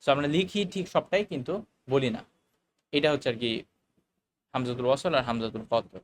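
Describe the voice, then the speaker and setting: A man teaching a recorded Arabic lesson, explaining the grammar slowly, with fillers and English words mixed in. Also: mid-range voice, lively intonation, slight background noise.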